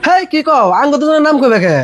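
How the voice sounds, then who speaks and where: A man acting an excitable, timid village farmer in a comedy drama, indignant and quick. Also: very high-pitched, background noise. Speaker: neighboring farmer.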